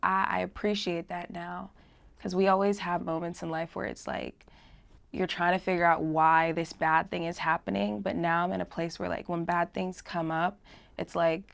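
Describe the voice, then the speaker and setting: A young woman, a recording artist, chatting casually in an interview, reflective and quick to laugh. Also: on the low side, creaky. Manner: relaxed, reflective, laughs often.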